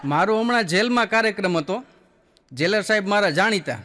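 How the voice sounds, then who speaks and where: A Kathiawadi Gujarati comedian tells his jokes in a folksy storytelling way, acting out each person in his stories. His voice sits high for a man. A long hall reverb trails after his words. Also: lively intonation, a little fast, bright, forceful tone, a little hiss or hum. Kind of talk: stand-up joke telling.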